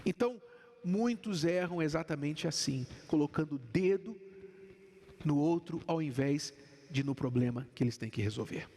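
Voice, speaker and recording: A man's voice: fairly high pitch, animated, moderate pace, warm tone, big-room sound. A man with a Brazilian accent giving a sermon-like talk on relationships, emphatic and full of rhetorical questions. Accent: Brazilian Portuguese. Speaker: couples speaker.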